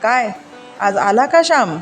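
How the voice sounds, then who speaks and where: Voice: medium pitch, expressive, unhurried, voice pushed up, close to an everyday voice. A friendly young village man talks a scared boy through it in a lifted, reassuring voice, as a storyteller plays him. Faint music sits behind the storybook reading. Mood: encouraging. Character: encouraging young village man teaching swimming.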